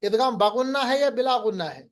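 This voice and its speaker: A man teaching Quran recitation in a lesson, quizzing his student and slowly drawing out recited words. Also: very high-pitched, expressive, a crowd in the background. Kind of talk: online lesson.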